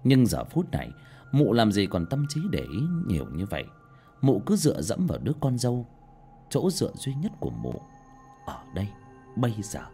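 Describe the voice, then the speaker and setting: A man narrating a scripted horror story in a dramatic, expressive manner. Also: on the low side, moderate pace, faint music behind.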